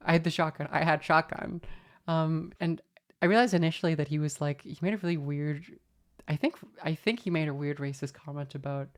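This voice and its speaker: A woman's voice: deep voice, a little fast. A woman podcast host telling rambling, wry stories in casual chat, full of fillers and restarts. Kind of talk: casual anecdotal storytelling.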